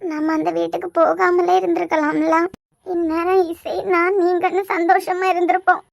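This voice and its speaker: A woman's voice: very high voice, little pitch movement, normal speed, creaky, no room sound, studio quality, pitched below the performer's own voice. A woman voicing an anxious young mother in a cartoon, speaking firmly with a Kanyakumari Tamil accent. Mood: worried, stern. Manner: firm, worried. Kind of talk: cartoon voice acting.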